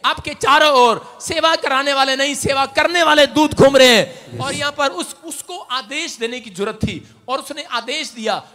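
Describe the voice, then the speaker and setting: A middle-aged man preaching a sermon, telling stories in turns hushed and loudly shouted. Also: extremely high pitch, in a large hall. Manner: animated, swings from hushed storytelling to loud shouted exclamations. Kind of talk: Hindi sermon with storytelling.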